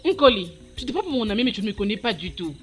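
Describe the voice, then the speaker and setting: A woman's voice: mid-range voice, very animated, fast, soft background music, close to an everyday voice. An actress playing a secretive young woman who hides that she is in love, speaking guardedly and evasively. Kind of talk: dubbed film acting.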